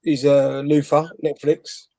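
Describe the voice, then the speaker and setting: His voice is on the high side, yet flat, dark, and slow, with vocal fry. The Bajan-accented guest interviewer rambles and laughs while telling a story during a casual live chat over a video call from home.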